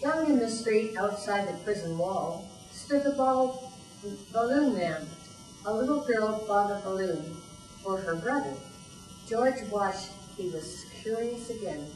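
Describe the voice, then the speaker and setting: An older woman, a grandmother, reading a children's storybook aloud in a deliberate, expressive way for young children. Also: mid-range voice. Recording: roomy echo, distant mic, faint music.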